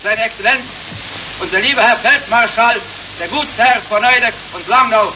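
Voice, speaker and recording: A man's voice: very high voice, moderate pace. A man on an old newsreel recording, proclaiming titles and leading a crowd in cheers. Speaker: ceremony speaker leading cheers. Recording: distant hissy archival newsreel.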